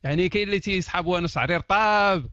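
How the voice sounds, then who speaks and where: A Moroccan man with a Moroccan Arabic accent hosts a casual online chat in a quick, lively, joking manner. His voice sits high for a man. The sound is dry and a little dull, as if from a basic computer mic. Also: no room sound. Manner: animated, joking, laughs often. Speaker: online talk host. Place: at home behind a PC.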